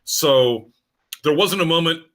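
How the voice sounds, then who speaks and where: Man, tinny laptop speakerphone sound, bright clear tone, hesitant casual chat. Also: a little high, slow. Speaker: player in an online tabletop game. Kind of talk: casual post-session chat. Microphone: laptop built-in mic on a voice call.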